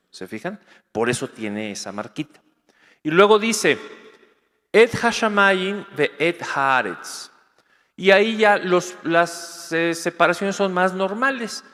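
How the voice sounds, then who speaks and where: A man's voice: on the high side, fairly bright tone. A man giving a classroom lecture over slides, explaining step by step and often checking in with his audience. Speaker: course lecturer. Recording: reverberant hall.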